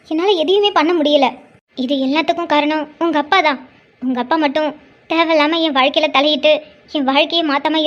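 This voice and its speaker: A woman does voice acting for a cartoon drama, playing a hurt young mother who speaks tearfully and emotionally while standing her ground. Her voice is high and natural.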